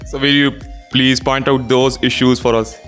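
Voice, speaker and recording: A man hosting a TV interview, asking formal questions in a brisk delivery. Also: medium pitch, level tone, a bit bright, soft background music. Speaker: TV host, interviewer.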